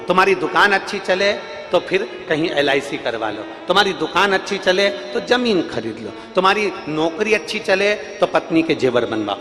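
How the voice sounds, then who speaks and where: Exhorting Indian preacher in a reverberant hall. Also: male voice. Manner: repetitive, exhorting, swings between loud calls and soft low lines, breaks into chant. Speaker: Shiv Purana kathavachak. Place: large outdoor religious gathering. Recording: long reverb of a large venue with faint music.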